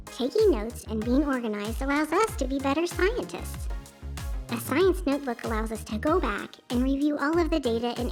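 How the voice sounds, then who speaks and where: A friendly cartoon helper voiced by a woman explains things studiously for a children's lesson. The voice sits high. Faint music plays behind the scripted narration.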